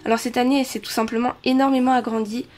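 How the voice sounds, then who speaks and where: A woman's voice: on the high side, level tone, very fast, a little mellow, soft background music. A woman vlogger in an indoor room, chatting casually as she lists her collection, with frequent hesitations. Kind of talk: casual show-and-tell. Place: indoor room shared with siblings.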